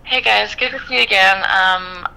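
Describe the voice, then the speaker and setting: A young woman calling in, heard through a phone on speaker, chatty and excitable. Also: mid-range voice, moderate pace, gravelly, low-quality recording. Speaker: phone-in caller.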